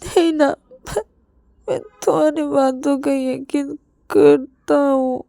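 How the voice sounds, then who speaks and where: A woman's voice: high voice, fairly even intonation, slow pace, vocal fry, dark tone, dry recording, clean studio sound, heavily acted. A woman voicing a tearful, frightened young man who pleads through sobs in a storybook role-play. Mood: tearful, fearful. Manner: sobbing, pleading.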